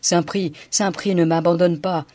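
A man's voice: fairly high pitch, normal speed, dry recording, voice pushed up, close to an everyday voice. A man voicing a zealous, fearful friar who talks in a strained, pleading way. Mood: anxious.

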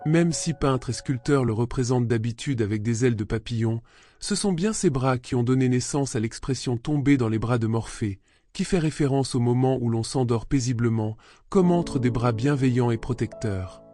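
A man narrating a scripted radio story in a soft, intimate manner, addressing the listener directly. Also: medium pitch, moderate pace, soft background music.

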